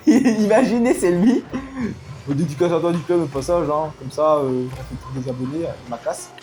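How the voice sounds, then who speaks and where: A gamer commenting live on an online match, excitable, swinging from low mutters to loud outbursts. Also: moderate pace, faint music behind. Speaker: gaming commentator.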